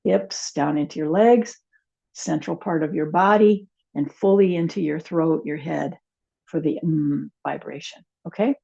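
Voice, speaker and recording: A woman teaching a chair yoga and meditation class, giving gentle, unhurried cues with soft asides. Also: low voice, creaky, slightly rough, dull audio. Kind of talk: guided yoga class instruction.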